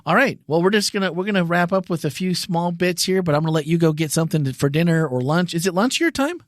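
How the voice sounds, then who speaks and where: A man's voice: a little high, lively intonation, fast, no room sound, studio quality. A man hosting a church podcast, chatting casually, laughing often and restarting his sentences. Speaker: podcast host.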